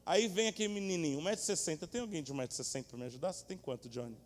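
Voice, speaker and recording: A man preaching a sermon from a church stage in a lively, colloquial way, speaking directly to the congregation. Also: a little high, racing, slight background noise. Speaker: pastor. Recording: echoey church hall.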